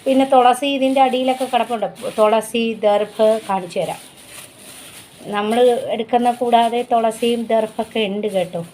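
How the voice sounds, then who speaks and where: A woman's voice: fairly even intonation, moderate pace, darkish tone, slight background noise, low-quality recording. A woman chatting casually to camera at home about her pet dog and her daily routine. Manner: chatty, switches to high coaxing calls to her dog. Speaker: pet vlogger. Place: home in a city in India.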